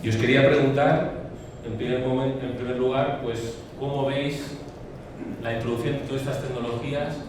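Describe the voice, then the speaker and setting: Speaking at a moderate pace in a steady, mid-range voice, a Spanish-accented man runs a panel, presenting the speakers and posing questions as he pauses to find his words. The recording is distant and noisy, made in a very echoey hall.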